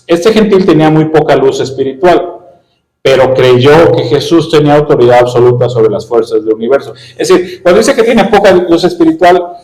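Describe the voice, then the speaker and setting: A man teaching a Bible class in a conversational way, using fillers and tag questions and acting out quoted speech in a raised voice. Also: fairly high pitch. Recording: echoey room.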